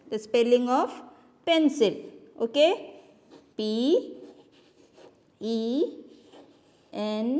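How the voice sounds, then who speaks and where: A kindergarten teacher with a Malayali English accent talks very slowly and patiently, spelling each word letter by letter and asking the children questions. Her voice sits high, and a long reverb trails behind it as if she were in a hall. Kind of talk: phonics lesson for young children.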